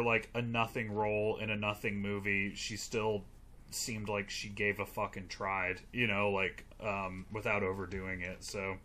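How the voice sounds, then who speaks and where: A man's voice: lowish voice, bright, forceful tone. A man co-hosting a casual movie review podcast, rambling with many fillers, swearing and laughing. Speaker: podcast co-host.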